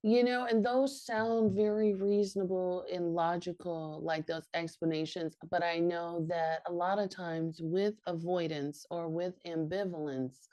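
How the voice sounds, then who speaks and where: A woman's voice: on the low side, mellow. A woman hosting a podcast interview, an attentive listener who affirms and follows up. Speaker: podcast host.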